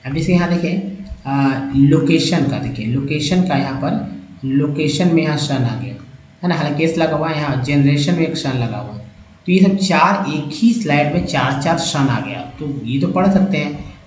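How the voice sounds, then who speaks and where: A man whose voice is a little high teaches English reading from slides at a moderate pace. He drills spelled-out letter groups and sounded-out words, speaking emphatically to viewers as friends. Audio is poor and roomy.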